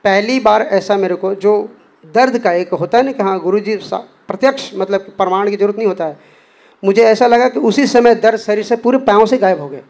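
A man's voice: sits high, moderate pace, vocal fry, darkish tone. A man giving an earnest spoken testimony as a devotee, acting out the dialogue he quotes. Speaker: devotee sharing a personal experience.

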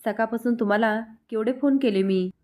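A woman's voice: fairly high pitch, a little fast, a little mellow, close to an everyday voice. A woman voicing a sweet young woman in love, speaking tenderly.

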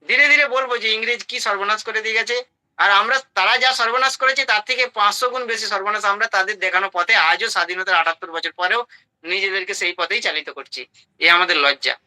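A man with a high, very bright and piercing voice gives a health talk to an audience. He is emphatic, rattles off items in short bursts and keeps asking rhetorical questions. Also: quick pace, poor audio. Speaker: health speaker.

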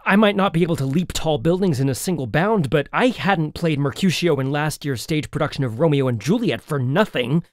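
Male audiobook narrator, fairly high and very animated, dry studio sound. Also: a little fast, few pauses, no room sound. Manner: expressive, lively storytelling. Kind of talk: first-person audiobook narration.

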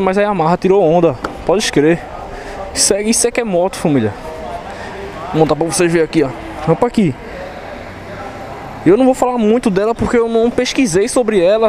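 A young motorcycle vlogger from Recife, Brazil, speaks Pernambuco Brazilian Portuguese in a high-pitched voice. He hypes bikes in an excited, slangy, casual chat from a showroom. It's recorded on a chest-mounted action camera with background noise.

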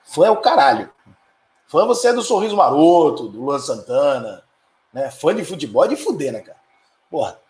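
His voice runs a bit high and a little mellow, yet very animated. Hosting a live stream from an echoey room, this middle-aged Brazilian Portuguese-accented man reads viewer comments aloud and fires back with heated, profane rants, angering easily.

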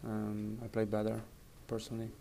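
With a lowish, creaky voice, a soccer captain in his thirties answers reporters after a match, steady in tone yet hesitant and prone to repeating words. Mics and phones are pushed close to him. He stands before a sponsor backdrop in a crowded indoor press area full of chatter.

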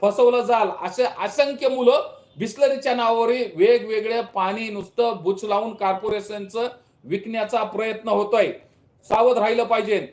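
A man's voice: sits high, steady tone, measured pace, a little mellow. A man making an urgent, pleading public appeal to the camera, repeating his warnings. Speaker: local political leader giving a public warning. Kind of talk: impassioned direct-to-camera appeal. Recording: echoey room.

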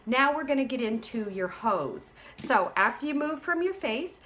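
A woman's voice: fairly high pitch, big pitch swings, normal speed, fairly bright tone. Chatty woman giving a how-to demo. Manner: chatty, practical, repeats for emphasis. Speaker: sleep clinic CPAP educator. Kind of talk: casual how-to demonstration. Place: small indoor room, seated at desk.

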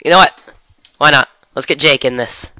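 A young man with a cold, chatting excitedly through a game session. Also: fairly high pitch, normal speed, dry recording. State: has a cold. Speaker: gamer. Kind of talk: casual game commentary.

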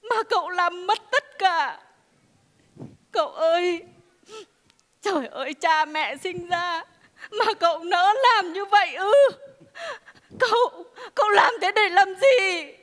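A distraught wife who pleads and reproaches through tears in a very high voice. Her voice carries a long hall reverb from the stage. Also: slow, bright, forceful tone, heavily acted. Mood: reproachful. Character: distraught young wife of a wealthy household. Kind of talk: stage comedy sketch acting.

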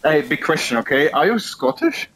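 A man's voice: fairly high pitch, very animated, moderate pace, fairly bright tone, low-quality recording. A German man speaking English with a German accent, chatting casually and a little hesitantly while playing an online game, in a joking manner.

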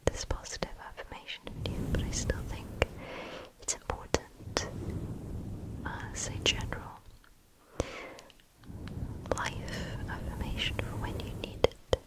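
A woman whispering ASMR positive affirmations in a gentle, soothing manner, repeating phrases. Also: a little slow, long pauses, low-quality recording. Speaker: ASMR creator.

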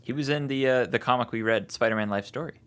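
A man's voice: mid-range voice, fast talker, a bit bright, clean tone. A young man co-hosting a podcast, laid-back and joking in casual chat. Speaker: podcast co-host.

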